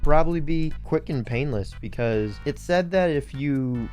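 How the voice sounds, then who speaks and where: A man's voice: fairly high pitch, animated, unhurried, darkish tone, faint music behind. A young man with a sniffly nose, rambling and thinking aloud as he gives casual commentary for a hobby video. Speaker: video host building Lego.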